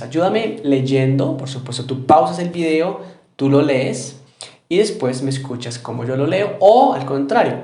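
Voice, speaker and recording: A man's voice: on the high side, a little mellow, roomy sound. A Spanish-speaking man teaching an English grammar lesson, explaining step by step, repeating example words, and saying them with a British accent.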